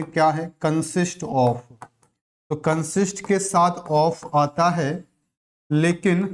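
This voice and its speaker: A man teaching a grammar lesson for exam students. His voice sits a little high and he talks slowly. He goes over each rule again and again as he explains it. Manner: slow, repetitive explaining, restating each rule.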